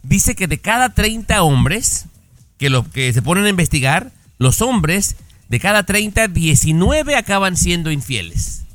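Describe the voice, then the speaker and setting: A man's voice: high voice, sing-song, measured pace, fairly bright tone, no room sound. A man with a Mexican accent co-hosting a radio show, joking and emphatic, often repeating a catchphrase. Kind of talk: jokey radio banter.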